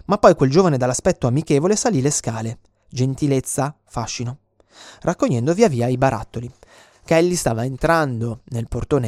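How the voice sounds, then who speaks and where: A man's voice: medium pitch, warm tone, dry recording. Earnest male instructor, explanatory delivery, close dry mic. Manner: earnest, frequent restarts and "ok?" check-ins. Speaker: self-defense instructor. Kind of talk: explanatory spoken lesson.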